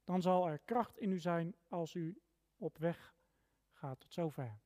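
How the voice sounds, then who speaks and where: Preacher reading scripture out loud, mid-pitched voice, punches certain words hard then drops off, long echo from a big church hall. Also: lively intonation, unhurried. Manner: emphatic, stressing single words with sudden rises and drops in loudness. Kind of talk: sermon with Bible reading. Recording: long reverb of a large hall.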